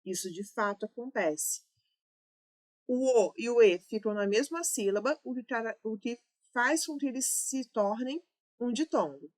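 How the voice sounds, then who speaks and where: A woman's voice: a little high, unhurried, darkish tone. A woman with a Brazilian Portuguese accent teaching an exam-prep grammar lesson, explaining step by step and correcting herself as she goes.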